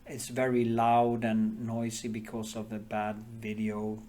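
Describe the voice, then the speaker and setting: A man's voice: on the low side, monotone, unhurried, a little mellow, slight background noise. A middle-aged man with a Norwegian accent, a painter teaching oil painting, talking casually and candidly while he works, with many restarts and trailing phrases.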